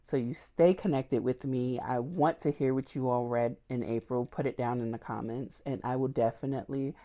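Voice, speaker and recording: A woman's voice: extremely low pitch, steady tone, moderate pace, dark tone. A woman book vlogger chatting casually and candidly about what she read, with frequent ums. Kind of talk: casual book wrap-up chat.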